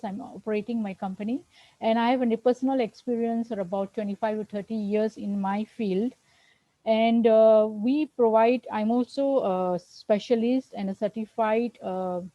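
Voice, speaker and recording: A woman's voice: a little high, dark tone, no echo. Earnest middle-aged woman on a lo-fi call. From Singapore. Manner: earnest, many fillers and restarts. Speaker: guest, accountant. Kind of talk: interview answers. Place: at home, remote.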